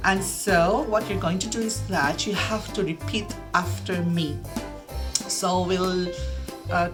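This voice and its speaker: A woman in her thirties with a Filipino accent, teaching a French lesson and encouraging learners to repeat after her. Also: fairly low pitch. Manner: slow, encouraging, repeats each word three times. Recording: background music.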